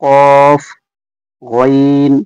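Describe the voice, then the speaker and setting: A man teaching Quran recitation rules, repeating each letter sound slowly and speaking directly to viewers. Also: mid-range voice, monotone, darkish tone, clean tone, no room sound, poor audio. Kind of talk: tajweed lesson.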